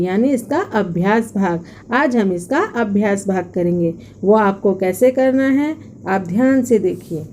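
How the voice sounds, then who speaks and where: A woman school teacher giving a recorded lesson to young children, sounding out words syllable by syllable with slow, careful speech. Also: fairly high pitch, darkish tone, a little hiss or hum. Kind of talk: online class lesson, reading aloud slowly.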